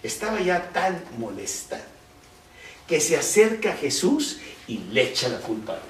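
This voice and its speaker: A man preaches in a lively, conversational way, tossing in rhetorical questions. His voice sits fairly high and moves over a wide range. He sounds set back from the mic in an echoey room, with faint ambience behind. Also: measured pace, a little hiss or hum. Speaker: pastor. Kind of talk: sermon. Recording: roomy, distant mic.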